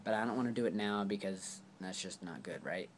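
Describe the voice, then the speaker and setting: A man talks through an action figure review into his camera, rambling and full of fillers. He keeps apologizing as he goes. His voice sits a bit low, with faint hiss behind it. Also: brisk. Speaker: toy reviewer. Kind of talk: casual toy review vlog.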